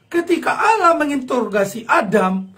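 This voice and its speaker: A man's voice: extremely high pitch, big pitch swings, moderate pace, bright, forceful tone. A male pastor, preaching a sermon in an emphatic style, acting out quoted voices and repeating phrases.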